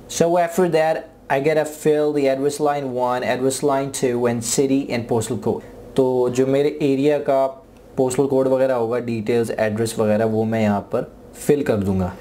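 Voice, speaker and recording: A man's voice: medium pitch, warm tone, a little hiss or hum. A young man from Pakistan with a Pakistani English accent, walking viewers through a screen tutorial and explaining each step twice. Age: young adult. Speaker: tutorial presenter. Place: small room indoors.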